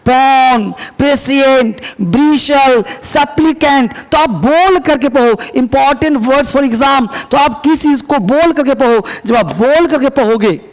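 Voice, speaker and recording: A man with a strikingly high voice gives an emphatic English lesson. He repeats key words and asks and answers his own questions. His voice rings with a long reverberant tail from the room. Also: slow pace, few pauses. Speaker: English teacher. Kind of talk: motivational spoken-English lesson.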